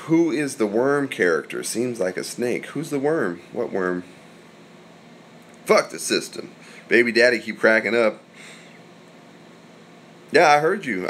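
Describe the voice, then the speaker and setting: Young guy ranting on a livestream, swears a lot, goes loud then mumbly, talks to chat. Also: medium pitch. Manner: profane, rambling, swings between loud and mumbled. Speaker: livestream host. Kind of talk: casual livestream chat reading viewer comments.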